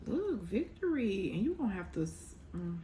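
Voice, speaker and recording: A young woman doing a casual tarot reading, blunt and animated, teasing and scolding her viewers. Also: mid-range voice, moderate pace, slight background noise. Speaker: tarot reader.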